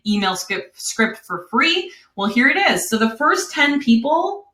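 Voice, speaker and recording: A woman with a Wisconsin accent hosting a live webinar, pitching an online course in an upbeat, chatty way with frequent laughs. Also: big pitch swings, measured pace, pushed and bright, roomy sound.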